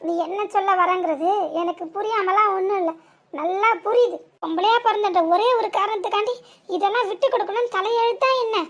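A woman's voice: very high-pitched, fairly even intonation, brisk, a bit bright. A woman voicing a fiery young daughter-in-law in a village cartoon comedy, ranting dramatically with a southern Tamil Nadu accent. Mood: defiant.

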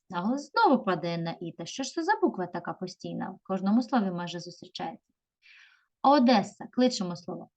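A woman teaching a video lesson to young pupils, drawing words out slowly and calling them children. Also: medium pitch, muffled recording. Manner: slow, drawn-out stressing of words; addresses pupils warmly as children. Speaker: primary school teacher.

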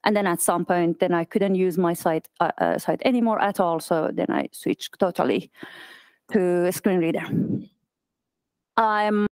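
A woman in her thirties, originally from Iran, giving a conference talk as an accessibility specialist, speaking in a halting way with many fillers and restarts. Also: lowish voice, a little mellow, clear, resonant tone, no echo. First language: Persian. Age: 30s. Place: office event space.

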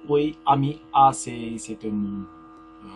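Turkish guy teaching french, super slow, repeats everything, music and hum in the background. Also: mid-range voice. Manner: slow, repeats words and phrases, checks with "d'accord?". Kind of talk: classroom grammar lesson. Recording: music and mains hum behind.

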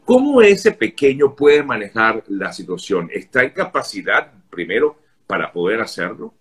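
Man, journalist host, hesitant questions, animated pitch. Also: moderate pace. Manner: hesitant questioning with many fillers. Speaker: interviewer, journalist. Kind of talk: conversational interview.

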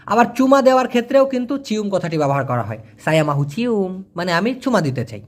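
Male language teacher, lively, repeats and spells each word. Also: high voice. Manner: explains slowly, spells out letters, repeats words. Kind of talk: casual vocabulary lesson.

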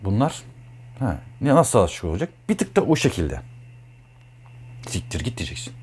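Blunt, heated, husky man. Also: mid-range voice, wildly swooping pitch, brisk, a little mellow. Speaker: astrologer. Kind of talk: casual monologue.

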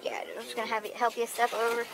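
A woman marine patrol officer questioning a boater at night, brisk and polite, recorded on a body camera on a small boat. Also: fairly high pitch, level tone. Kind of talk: police boat stop on bodycam. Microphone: body-worn camera. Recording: noisy bodycam audio outdoors.

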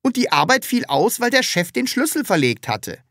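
Woman playing a timid grown man, earnest, easily flustered, lively, dry close sound. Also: on the high side, normal speed, dry recording, pitched above the performer's own voice. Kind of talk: audiobook character reading.

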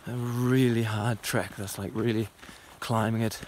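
A man's voice: on the low side, little pitch movement, unhurried, a little mellow, slight background noise. A man narrating his mountain trek vlog in a casual, rambling, self-deprecating way, recorded outdoors on a handheld camera. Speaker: trekking vlogger.

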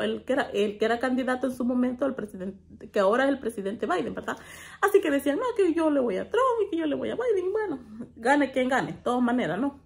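Brief: woman, 30s, higher voice, animated vlog storytelling at home to a phone camera. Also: gravelly. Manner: animated, laughs often while telling a story. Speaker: family vlogger. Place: small room at home, indoors.

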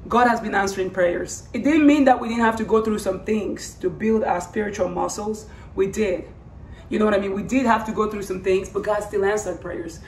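Hoarse, creaky woman with voice giving out. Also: medium pitch. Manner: earnest, rambling, repeats phrases for emphasis. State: hoarse, losing her voice. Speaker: vlogger. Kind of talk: casual personal testimony vlog. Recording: roomy, distant mic, faint background noise.

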